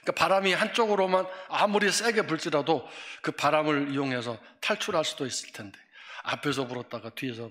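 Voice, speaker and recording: A male pastor preaching a sermon, emphatic, jumping from loud outbursts to hushed near-whispers. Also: medium pitch. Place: church sanctuary. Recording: long reverb of a church sanctuary.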